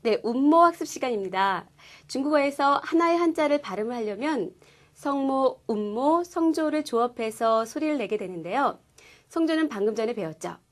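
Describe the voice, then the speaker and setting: Brief: woman lesson host, high voice, patient, clear explainer. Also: animated, moderate pace. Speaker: Korean-speaking Chinese language teacher. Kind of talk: scripted lesson presentation.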